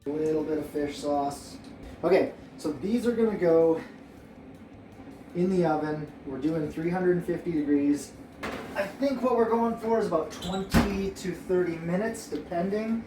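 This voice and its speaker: A man's voice: high voice, unhurried, over music. A man hosting a home cooking video who chats casually, rambles and jokes while he works. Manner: rambling, joking, playful. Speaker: home cook and host. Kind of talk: casual cooking show chat. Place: home kitchen. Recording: echoey kitchen, mic at a distance.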